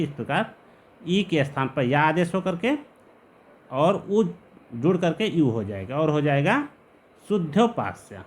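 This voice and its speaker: A man teaches Sanskrit grammar in a patient, explanatory way. His voice sits somewhat high and moves a lot in pitch. He drags out important terms slowly so the students can follow.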